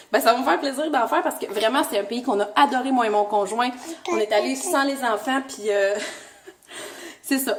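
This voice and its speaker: A young woman with a Québécois French accent, a mother chatting casually to her vlog audience at home, rambling with lots of fillers and self-corrections. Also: high voice. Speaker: mother and family vlogger. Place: family home indoors.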